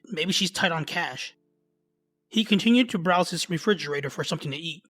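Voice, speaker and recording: A man narrating a love story in a steady storytelling way. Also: a little high, brisk, slightly rough, soft background music.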